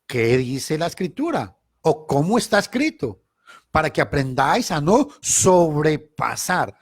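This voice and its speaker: A man teaching a Bible study in a preaching style, emphatic, swinging between loud stressed words and quiet asides. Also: on the high side, big pitch swings, measured pace, breathy edge, no echo, clean studio sound.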